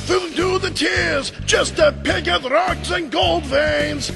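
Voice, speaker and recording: A man voicing a boisterous, drunken dwarf miner, singing and bellowing slow, slurred lines live. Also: extremely high pitch, fairly even intonation, gravelly, raised voice, music in the background, heavily acted. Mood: rowdy. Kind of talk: sung live on an internet radio show.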